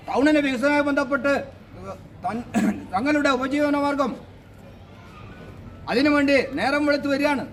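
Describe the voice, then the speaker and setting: A man's voice: extremely high pitch, fairly bright tone, slight background noise. A man addressing a protest march as a trade association leader, delivering an impassioned, accusing speech full of rhetorical questions.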